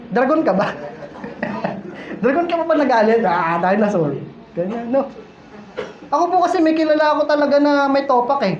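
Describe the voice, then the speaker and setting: A man's voice: very high voice, quick pace. A man preaching a sermon in a conversational, playful way, often putting questions to the congregation. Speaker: pastor. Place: church hall. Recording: echoey church hall, dull sound, faint room noise.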